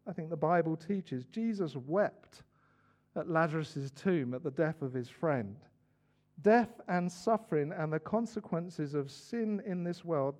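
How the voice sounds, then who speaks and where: A man's voice: fairly high pitch, darkish tone. Earnest male preacher. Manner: earnest, conversational, with small asides. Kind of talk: sermon.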